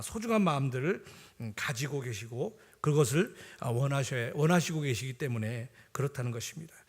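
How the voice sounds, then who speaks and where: A male pastor giving a conversational sermon, telling a story with many fillers. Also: high-pitched. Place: church sanctuary. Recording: reverberant church hall.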